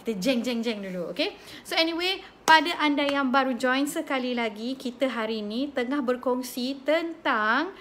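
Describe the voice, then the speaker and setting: A woman in her thirties with a Malaysian accent, hosting a parenting talk and telling stories in a chatty, animated way. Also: high voice, normal speed, few pauses, a little hiss or hum. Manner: chatty, code-switching, animated storytelling. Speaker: host of a parenting slot. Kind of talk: casual live chat, storytelling.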